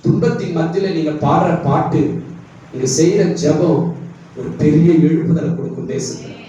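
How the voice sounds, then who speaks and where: High-voiced preacher in an echoey hall. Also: male voice, normal speed, warm tone, dull audio. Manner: preaching with questions to the congregation, pitch swinging high and low. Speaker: pastor. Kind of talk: sermon. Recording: echoey hall, voice from a distance, faint noise.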